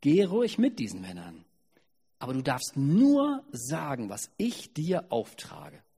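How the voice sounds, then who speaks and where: Guy doing a grave angel, slow and stern, husky voice, big hall echo. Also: fairly high pitch, huge pitch swings, warm tone, exaggerated voice. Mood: commanding. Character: stern male angel with a sword. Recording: long hall reverb.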